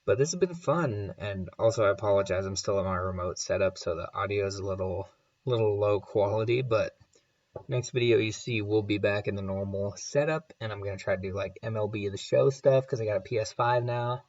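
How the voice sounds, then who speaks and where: A man hosting his channel in a casual chat, rambling and chuckling as he reads viewer comments, heard through low-sample-rate audio from a remote setup. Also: brisk, a little mellow. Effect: low sample rate, muffled low-quality audio. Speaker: channel host.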